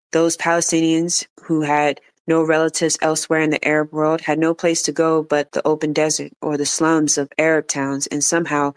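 Stern refugee mother, level and clear, read by the narrator. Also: mid-range voice, dry recording, close to an everyday voice. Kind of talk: read-aloud dialogue.

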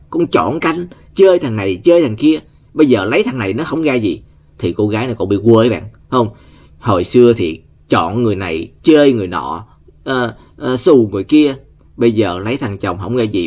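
Vietnamese male vlogger, lowish voice, chatty storyteller who acts out the people he quotes. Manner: chatty, keeps addressing viewers, animated quoted voices. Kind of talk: casual storytelling commentary. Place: United States.

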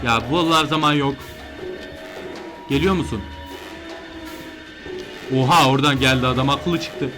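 A man commenting live on a horror game he is playing, excitable and panicky when chased. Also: medium pitch, measured pace, long pauses, over music. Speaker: gameplay streamer.

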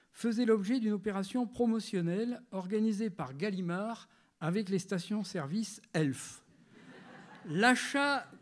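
A man in his sixties with a high voice reads a prepared lecture aloud. His delivery is measured and literary, and he pauses now and then to hesitate over a phrase. He speaks as a lecturer at a literary gathering.

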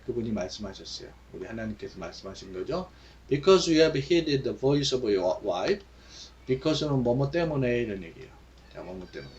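A man teaching English Bible verses, reading each line slowly and then explaining it in Korean with many fillers. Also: mid-range voice, a little mellow, muffled recording.

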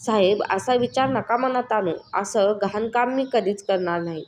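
A woman's voice: medium pitch, moderate pace, a little mellow, a little hiss or hum, close to an everyday voice. A woman voicing a poor, hardworking village wife in a spoken story, pleading and defiant.

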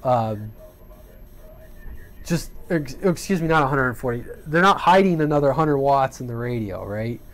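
Unhurried and lively in intonation, a medium-pitched man demonstrates CB radio equipment at his home workbench. His tutorial is chatty and meandering, full of self-corrections and repeated "right?" check-ins.

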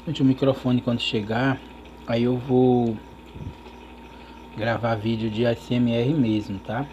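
A man's voice: mid-range voice, flat delivery, measured pace, darkish tone. A man chatting casually to his viewers while chewing food, in an eating vlog. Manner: chatty, addresses viewers directly. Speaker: mukbang vlogger. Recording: dull lo-fi recording with faint noise.

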